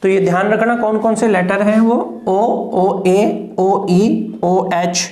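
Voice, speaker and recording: Very slow, deliberate phonetics teacher. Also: medium pitch, steady tone, a little mellow, echoey room. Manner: drills each word slowly, repeating it and contrasting right and wrong pronunciation. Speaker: English teacher. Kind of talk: phonetics lesson.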